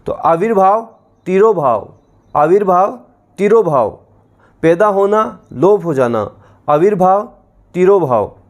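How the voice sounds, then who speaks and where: A man teaching an exam-prep class, reciting word lists slowly and repeating them so students can memorize, with encouraging asides. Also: sits high, expressive. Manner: coaxing, encouraging.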